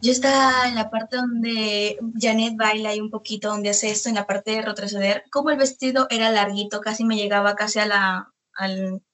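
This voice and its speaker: A woman's voice: mid-range voice, steady tone, moderate pace, fairly bright tone. A young woman, a singer, chatting in an interview and telling anecdotes with many fillers. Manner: storytelling, many fillers like "este". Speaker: guest singer. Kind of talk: casual interview chat.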